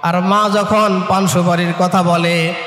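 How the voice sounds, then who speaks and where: A man's voice: high voice, flat delivery, slow, a bit bright. A middle-aged man preaching a fervent sermon with a Bangladeshi Bengali accent, asking his listeners rhetorical questions and chanting verses. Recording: echoey hall with faint music.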